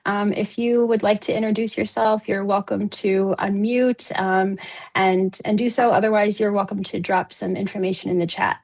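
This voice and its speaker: A woman with a mid-pitched voice hosts a webinar over a video call. She welcomes people and fills her pauses with "um" as she talks. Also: level tone, darkish tone, poor audio. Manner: hesitant, with frequent "um". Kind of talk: webinar hosting.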